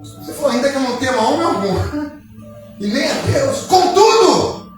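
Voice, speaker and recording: A man preaching a sermon as pastor, breaking into shouted peaks and acting out quotes. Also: very high-pitched, big pitch swings, moderate pace. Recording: echoey church hall from far off, music behind. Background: music.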